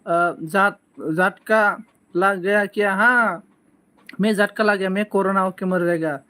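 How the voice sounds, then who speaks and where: Guy doing a chill live stream, reads comments out slow, teases people, keeps coughing, kinda high voice. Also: fairly even intonation, sharp tone. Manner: slow, playful teasing banter with frequent coughs. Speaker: live-stream host reading viewer comments. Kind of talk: casual live-stream chat.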